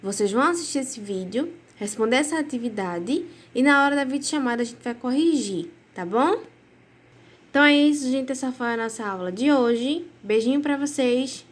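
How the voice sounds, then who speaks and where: A young Brazilian woman teaching children in a recorded remote lesson, her voice sitting a little high. She speaks slowly and tenderly, leaning hard into sing-song intonation whenever she reads an example sentence aloud. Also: animated. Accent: Brazilian Portuguese. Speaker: primary school teacher.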